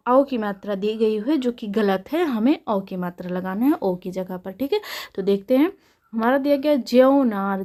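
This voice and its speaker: A young woman teaching a Hindi spelling lesson for exam preparation, repeating each word slowly and asking and answering her own questions. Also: fairly high pitch, darkish tone.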